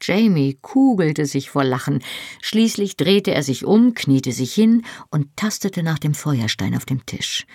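An audiobook narrator reading a first-person story in a calm, measured way. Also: medium pitch, slightly rough, dry recording, studio quality.

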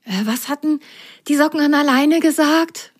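Storybook girl sock, high and eager, a bit unsure, voiced by a woman. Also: moderate pace, natural voice. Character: excitable young girl sock, hesitant.

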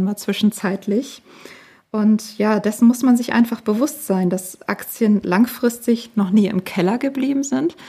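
A woman's voice: mid-range voice, mellow, breathy edge. A woman explaining things conversationally as an expert guest and financial adviser.

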